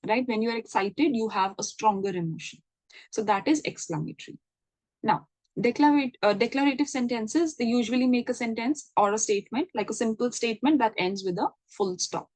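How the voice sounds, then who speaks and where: A woman's voice: fairly high pitch, brisk, a little mellow, dry recording. A woman giving an online English grammar lesson, explaining patiently and checking in with the listener. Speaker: English teacher.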